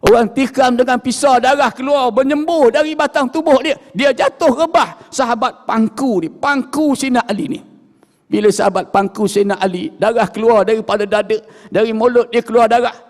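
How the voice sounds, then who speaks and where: A man with a Malaysian Malay accent preaching a storytelling sermon in a prayer hall, swinging dramatically between loud and hushed. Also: very high-pitched.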